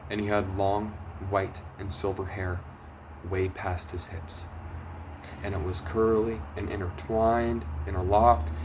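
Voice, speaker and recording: A man sharing a personal testimony, earnest and emotional, going from urgent bursts to hushed quiet. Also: fairly low pitch, background noise. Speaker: testimony vlogger.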